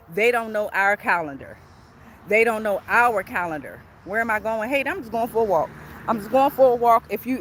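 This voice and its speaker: Her voice is on the high side, bright and forceful. This livestream host, a spiritual tarot reader, chats informally on her phone while walking near traffic, repeating phrases and checking in with followers amid street noise.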